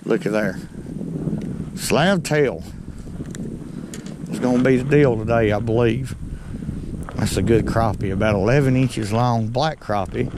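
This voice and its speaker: Middle-aged Southern man, easygoing outdoor fishing vlog host, mid-pitched voice, faint open-air noise behind. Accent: Southern American. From North Alabama. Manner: folksy, unhurried, talks to viewers as "folks". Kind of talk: casual fishing commentary. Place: small boat on a lake outdoors. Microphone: head-mounted action camera.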